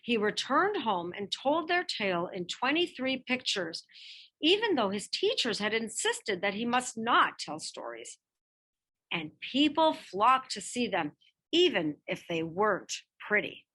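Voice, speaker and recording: A woman narrates a picture-book biography from a script in a slightly high voice with a breathy edge, delivering it expressively and with purposeful emphasis.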